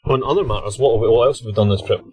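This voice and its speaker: A British man talks in a chatty, enthusiastic way, laughing easily as he records a log from inside a cramped titanium submersible. His voice sits fairly low and sounds dry and close, with little room sound around it. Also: steady tone, fast talker, dark tone, breathy edge, no room sound. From Britain. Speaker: expedition scientist and podcast host. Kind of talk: casual chat recorded as an audio log. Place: inside a small deep-sea submersible sphere.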